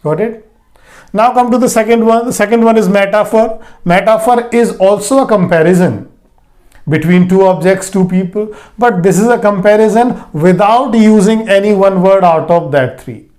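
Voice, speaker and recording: A man explaining a grammar lesson slowly, stressing and repeating key words. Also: high-pitched, a little mellow. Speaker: English teacher.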